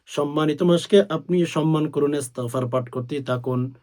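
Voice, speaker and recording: A man preaching a sermon, talking straight to his listeners as friends, swelling to loud, drawn-out stresses and chanting short Arabic phrases slowly. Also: fairly high pitch. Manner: swells to loud, drawn-out emphasis on key words; addresses listeners directly as friends.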